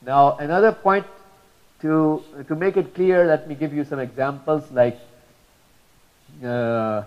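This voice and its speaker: A man's voice: on the high side, slow, dull audio. A man teaching Arabic pronunciation in a religious lesson, patiently repeating model sounds with many fillers.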